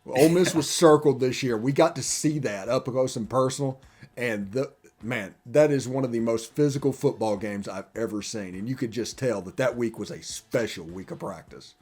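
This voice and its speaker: Guy hosting a sports podcast, mid-pitched, jokey, rambles on in long run-on bits. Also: normal speed, darkish tone, breathy edge. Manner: chatty, joking, loose run-on sentences. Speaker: podcast host. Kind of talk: casual sports podcast chat.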